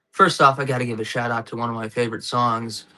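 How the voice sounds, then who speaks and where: A man's voice: medium pitch, steady tone, normal speed, sharp tone. A man in his thirties hosting a casual political talk show, eager and given to nerdy history digressions with lots of fillers. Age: 30s. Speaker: host.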